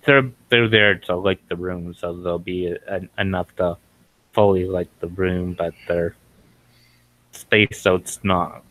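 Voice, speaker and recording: A man's voice: low-pitched, steady tone, measured pace, phone-quality sound. A man narrating as game master, hesitant and full of fillers.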